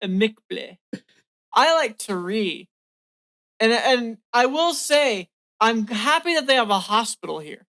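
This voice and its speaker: A woman appearing as a guest on a casual podcast chat. She jokes in a dry, deadpan way and pushes back bluntly in the banter. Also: a little high, unhurried. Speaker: guest, artist.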